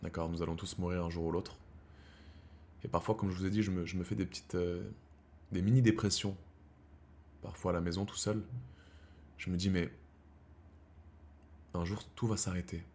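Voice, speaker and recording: With a deep, steady voice at normal speed, this streamer in his thirties pauses often while rambling in slang to his viewers, whom he calls brothers. A little hiss or hum sits under the audio as he goes from heated rants to quiet musing.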